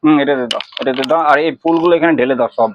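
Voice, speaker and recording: A man leads a temple worship, giving quick instructions to devotees about fruit, sweets and flowers before he breaks into chanted prayers. His voice sits at an ordinary pitch. The sound is dull and lo-fi, like a phone recording. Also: a little hiss or hum. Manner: directs devotees briskly, then chants prayers. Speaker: temple priest. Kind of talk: live devotional worship vlog.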